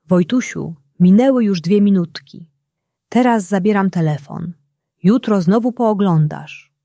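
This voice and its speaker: A woman voicing a loving, patient mother who speaks calmly and softly. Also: medium pitch, a little slow, dry recording, studio quality. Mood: gentle. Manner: calm, soft-spoken.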